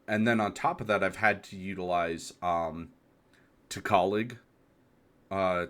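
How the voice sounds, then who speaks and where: A man's voice: low voice, steady tone, unhurried, a bit bright. An American man in his thirties hosting a solo talk, reflective and hesitant, asking rhetorical questions. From United States. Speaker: podcast host. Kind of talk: solo monologue.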